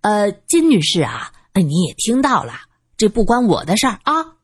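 A chatty, anxious building manager, as a woman puts him on in a storybook reading, wheedling and quick to dodge blame. The voice is husky and swings widely in pitch. The recording is dry and close. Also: wildly swooping pitch, no room sound. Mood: evasive. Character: fussy nervous male building manager.

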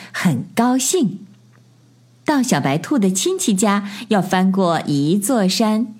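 Slow, breathy bedtime storyteller woman. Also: on the high side, a little mellow. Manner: slow, lilting storybook delivery.

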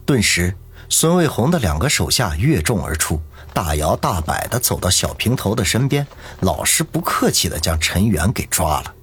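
Husky male storyteller, lively delivery, audiobook narration. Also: sits low, moderate pace, few pauses. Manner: dramatic storytelling. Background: faint music.

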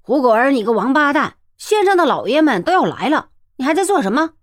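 A woman's voice: fairly high pitch, wildly swooping pitch, brisk, no echo, studio quality, voice pushed up. A woman voicing a blustering, bullying middle-aged village headman in a storybook reading. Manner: loud, bullying, stammering when scared.

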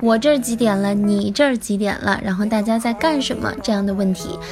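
A woman English teacher giving a spoken lesson, explaining phrases and repeating them slowly. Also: mid-range voice, over music.

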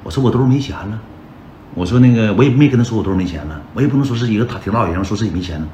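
Racing through his own story on a livestream, a man with a lowish voice and a Northeastern Mandarin accent chats on and repeatedly calls viewers brothers. The audio is dull with slight background noise, a roomy echo, and loud background music.

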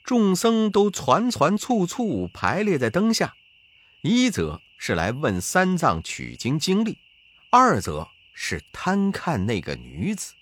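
A man narrating a classic storybook tale with expressive rises and falls. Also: a little high, slow, no room sound. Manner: expressive, rising and falling for effect.

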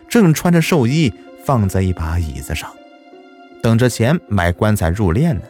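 Male storyteller for a folk-tale audiobook; expressive, animated delivery with wide pitch movement, over faint music.

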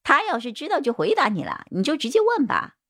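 女声扮演的谄媚胆小的光头男. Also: female voice, wildly swooping pitch, a little fast, a bit bright, heavily acted. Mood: flustered. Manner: fawning, pleading, high and jumpy. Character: fawning cowardly male gang boss.

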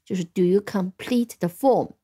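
A woman's voice: medium pitch, moderate pace, dark tone, slightly rough. A woman teaching an English vocabulary lesson in Chinese, patiently spelling words letter by letter and giving example sentences.

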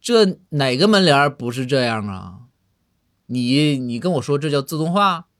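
A man's voice: medium pitch, lively intonation, moderate pace, no room sound, clean studio sound. A man doing a huffy old emperor. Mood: bantering. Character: indignant old male emperor, easily pleased.

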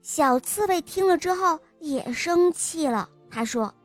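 A woman narrating a bedtime story for children in a gentle manner, speaking directly to the little listeners. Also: very high voice, animated, a little slow, soft background music.

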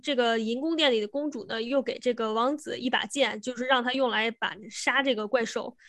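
A woman's voice: a little high, fairly even intonation, a little fast, fairly bright tone, no echo. A woman co-hosting a podcast, casually retelling a fairy tale with frequent restarts and self-corrections. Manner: meandering, self-correcting, laughs often. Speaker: podcast co-host. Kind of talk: casual storytelling chat.

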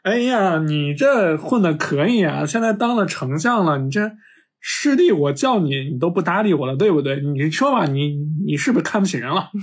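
A man's voice: a little high, expressive, normal speed, husky. A man putting on a wheedling, sly immortal. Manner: wheedling, coaxing. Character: scheming sly male immortal, wheedling and cheeky. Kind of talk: acted storytelling.

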